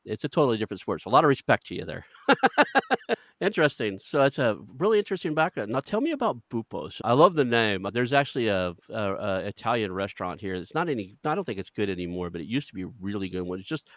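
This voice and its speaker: A man hosting a podcast, talking quickly in a lowish voice. He chats loosely and rambles, poking fun at himself. The sound is dry and close, with no room around it. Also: a bit bright, no room sound. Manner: chatty, rambling, self-deprecating. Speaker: podcast host. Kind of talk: casual interview chat.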